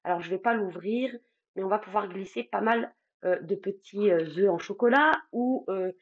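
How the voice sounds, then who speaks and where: A woman's voice: medium pitch, moderate pace, lo-fi sound. A French woman hosting a live craft stream, chatting casually, greeting viewers by name with many fillers. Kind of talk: casual live demo chat.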